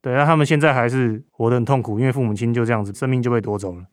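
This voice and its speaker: A crime reporter appears as a podcast guest, a man with a Taiwanese Mandarin accent talking through a face mask as he recounts a case conversationally. His medium-pitched voice races along in clean, studio-quality sound with no room echo.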